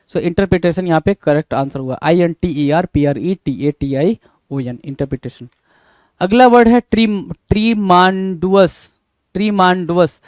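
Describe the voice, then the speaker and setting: Hindi-accented guy teaching spelling, kinda high voice, letter by letter, dry close sound. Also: a little mellow, no echo. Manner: spells words letter by letter, repeats words, says 'bhai' often. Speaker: English teacher. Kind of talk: spelling lesson, explaining answers.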